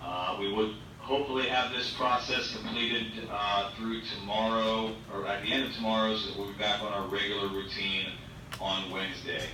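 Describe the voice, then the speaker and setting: Man on the school intercom, low and echoing, distant with hiss behind him, measured announcement delivery. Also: level tone. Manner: measured, repeats key instructions. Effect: school intercom loudspeaker. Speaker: school administrator making announcements. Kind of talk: public address announcement. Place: heard in a classroom through a wall loudspeaker. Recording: booming echo from a ceiling speaker, noisy classroom.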